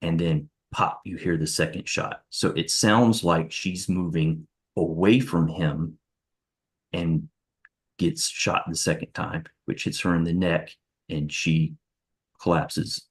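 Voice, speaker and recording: Male witness, very low voice, methodical courtroom testimony. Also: fairly even intonation, takes it slowly. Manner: careful, methodical step-by-step account. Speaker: witness on the stand.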